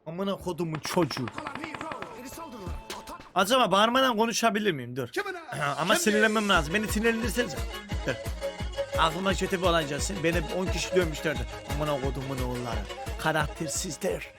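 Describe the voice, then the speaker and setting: A young man streaming a game, chatting profanely and joking, flaring into mock-angry shouting. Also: on the high side, expressive, quick pace. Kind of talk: casual live-stream gaming commentary. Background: music.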